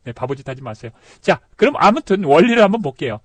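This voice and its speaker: Man, middle-aged, grammar teacher; animated, slightly high voice, dry close sound. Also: fast talker, no room sound. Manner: lively, chatty, laughs at rote memorizing. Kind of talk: online grammar lesson.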